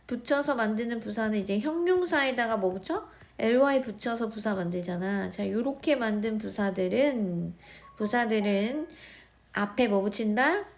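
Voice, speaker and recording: A woman teaching English grammar in a recorded lesson, speaking with a Korean accent, explaining step by step and often checking that students follow. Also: a little high. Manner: slow, explaining, repeating words and checking understanding.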